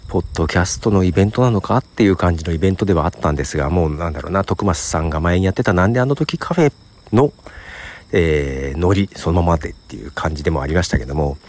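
A middle-aged man podcasting alone in a hushed, half-whispered ramble, tired, recorded on an empty train platform. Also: deep voice, animated, fast talker. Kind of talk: casual solo monologue.

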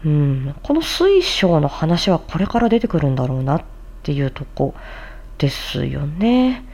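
Her voice sits low and mellow, unhurried yet full of big pitch swings. She hosts a tongue-twister challenge the way a voice actor would, trading carefully enunciated dramatic readings for polite, chatty asides to viewers.

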